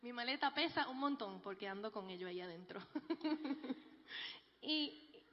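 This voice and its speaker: A woman gives a church testimony, telling her life story with a joking, warm manner. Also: mid-range voice, animated, normal speed. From Puerto Rico. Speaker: guest speaker giving a testimony. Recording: dull, echoey large hall.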